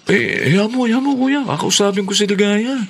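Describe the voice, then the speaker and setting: An actor playing a menacing middle-aged uncle who threatens and bullies his niece, swinging from low menace to loud outbursts. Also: normal speed, slight background noise. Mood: nervously friendly. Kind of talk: dramatized story acting.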